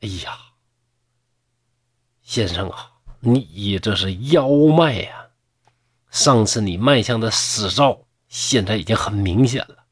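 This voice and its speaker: A man doing a grave, hushed old doctor. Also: lowish voice, slightly rough, no room sound, clean studio sound, exaggerated voice. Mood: regretful. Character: grave, regretful older male doctor.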